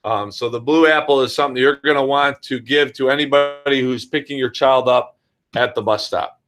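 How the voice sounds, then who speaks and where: Music plays in the background as an American man hosts an informal school orientation Q&A in his role as administrator. His mid-range voice is steady, at a moderate pace. He talks directly to parents and children, checking in frequently with "all right."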